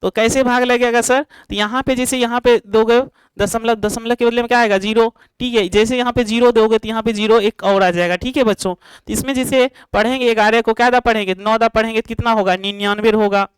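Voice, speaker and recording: A woman's voice: a little high, fairly even intonation, clear, resonant tone, no echo, poor audio. A woman teaching a math lesson to students online, repeatedly asking rhetorical questions and answering them herself, and checking in with the class as she goes. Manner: drawn-out, repetitive explanation.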